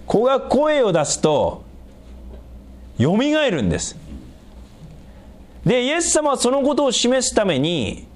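A middle-aged man preaching a sermon as a pastor, explaining scripture in an animated way and making small jokes with the congregation. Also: unhurried, long pauses. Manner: animated, raises pitch for emphasis and quoted lines, jokes with the congregation.

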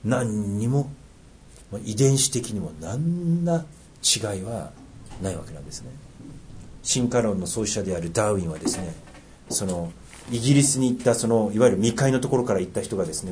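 A middle-aged man with a Tohoku accent preaching a sermon, earnest, asking rhetorical questions and dropping into soft asides. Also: fairly low pitch, a little hiss or hum. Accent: Tohoku dialect. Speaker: pastor.

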